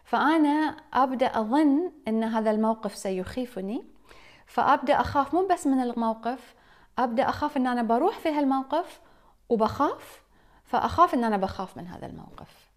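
A woman's voice: sits high, animated, fast talker. A woman and mother, talking casually and reflectively to her live stream viewers, putting questions straight to them. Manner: reflective, questioning, addresses listeners directly.

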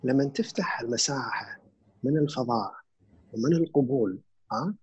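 A man with a Gulf Arabic accent calmly explains emotions and grief, mixing in English words. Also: medium pitch, moderate pace, slightly rough, no echo, dull audio. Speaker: guest speaker on grief and emotions. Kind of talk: reflective conversational explanation.

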